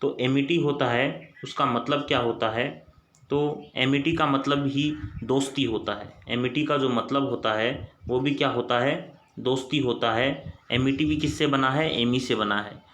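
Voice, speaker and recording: A man's voice: medium pitch, unhurried, a bit bright, dull audio. Man teaching, asking and answering himself. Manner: repeats each point as a question and answers it. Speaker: English vocabulary teacher. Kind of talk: Hindi screen-recorded lesson. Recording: echoey room.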